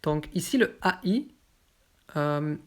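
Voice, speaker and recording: A woman teaching pronunciation, saying example words slowly and repeating them carefully. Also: low-pitched, lively intonation. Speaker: French teacher. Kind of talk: pronunciation lesson.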